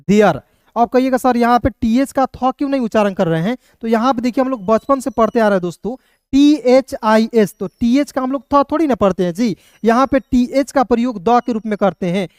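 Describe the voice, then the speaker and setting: Patient, smooth-voiced male teacher. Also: sits high, darkish tone, no echo, clean studio sound. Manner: patient, repeats questions and answers to viewers. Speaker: English teacher. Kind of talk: online phonics lesson.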